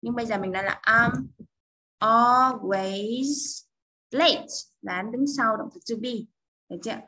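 Husky-voiced woman teaching English. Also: on the high side, bright, forceful tone, low-quality recording. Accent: Vietnamese. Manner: explains step by step, often checks with "được chưa?"; slows down for English example phrases. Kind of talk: bilingual English lesson.

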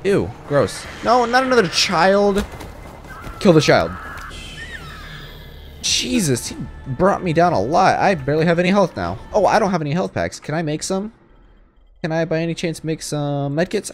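A man's voice: on the high side, sing-song, normal speed, faint music behind. Jittery young man narrating his gameplay. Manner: jittery, exclaiming, rambling to himself. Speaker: gamer. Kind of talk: let's play commentary.

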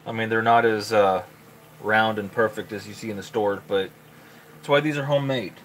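A man's voice: on the low side, fairly even intonation, moderate pace, fairly bright tone, slight background noise, rough recording. A man in his forties hosting a live cooking show from his home kitchen, explaining each step casually to viewers while he works on camera. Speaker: home cooking channel host. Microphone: handheld camera mic, moved around the stove.

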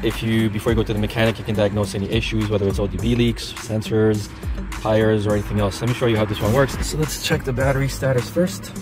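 A man's voice: on the low side, steady tone, fast talker. A man giving a casual, rambling hands-on demo of a gadget, with frequent fillers, recorded in and around a parked car. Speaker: product reviewer. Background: background music.

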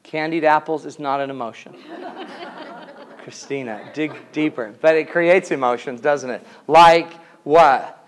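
A man's voice: a little high, unhurried. A man in his forties giving a comedic lecture to a class, jokey and theatrical, often asking the audience questions. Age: 40s. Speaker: relationship class teacher.

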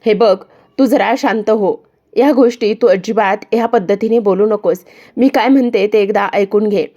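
A woman reading as a firm, calm family matriarch. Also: mid-range voice, normal speed, lo-fi sound, natural voice. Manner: firm, calming.

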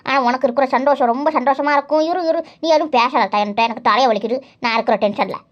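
A woman's voice: sits high, steady tone, fast, close to an everyday voice. A woman voicing a bitter, quarrelsome elderly mother-in-law in a cartoon, nagging and sarcastic. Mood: scolding. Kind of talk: cartoon voice acting. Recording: dull lo-fi recording.

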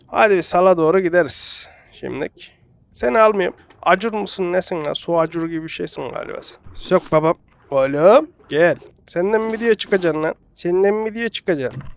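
A man narrating his game playthrough in a loose, chatty way, talking straight to the things he collects and breaking into excited yelps. His voice sits a little higher than most men's. A faint noise hums behind him. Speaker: gaming channel host. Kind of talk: casual let's-play commentary.

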